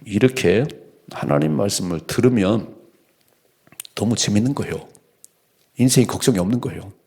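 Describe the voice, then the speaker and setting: A man's voice: fairly low pitch, normal speed, darkish tone. A male pastor giving an early-morning sermon, reading scripture aloud and preaching in a conversational way full of rhetorical questions. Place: church.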